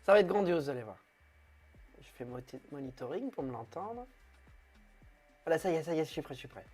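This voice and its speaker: A man's voice: on the high side, lively intonation, a little fast, darkish tone, husky, faint music behind. A man hosting his own web TV show, rambling and self-mocking with many hesitations. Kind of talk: comic solo live stream.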